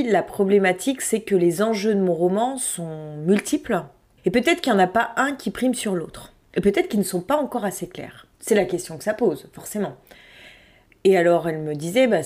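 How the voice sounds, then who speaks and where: A woman's voice: fairly low pitch, a little mellow. French woman musing aloud on her writing. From France. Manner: thinking aloud with frequent hesitations. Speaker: aspiring novelist, podcast host. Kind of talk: spontaneous audio diary.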